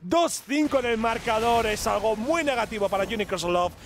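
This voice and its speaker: A Spanish man commentating a live esports match, with a very high voice. He gets excitable and shouts through big plays. There is clear broadcast noise behind him. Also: normal speed. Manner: excitable, shouts during plays, laughs often.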